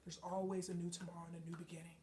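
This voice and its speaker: Speaking rapid-fire in a lowish, mellow, flat voice, a woman fitness trainer gives a preachy, emphatic motivational talk despite a chest and sinus infection that leaves her congested. She repeatedly checks in with "okay?" and "folks," recorded from a distance with slight background noise.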